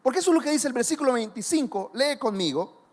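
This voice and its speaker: High-voiced preaching man in echoing church. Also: expressive, fast. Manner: impassioned preaching that swells to loud emphasis. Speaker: pastor. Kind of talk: sermon.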